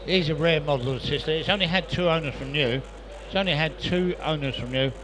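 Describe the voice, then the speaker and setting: At a busy auction sale room, a male auctioneer chants his patter, repeating prices and bid calls during a live sale. His voice is fairly high and quick, with background noise audible.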